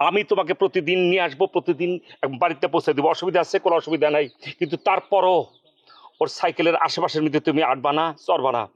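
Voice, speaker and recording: An actor playing a hot-tempered, jealous husband in a comedy serial, ranting in with a husky voice. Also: male voice, on the high side, fast talker, no echo, dull audio, natural voice. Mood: lecturing. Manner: theatrical ranting, mocking questions.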